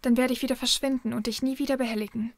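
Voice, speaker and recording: A woman voicing a determined young woman who speaks quickly and cuttingly. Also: a little high, steady tone, no echo. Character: determined young woman, sharp yet nervous.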